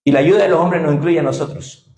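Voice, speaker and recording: A male pastor preaching an emphatic call-and-response sermon in a church, often raising his voice to a shout. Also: fairly high pitch, fast talker, gravelly, background noise. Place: church sanctuary. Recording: echoey church room.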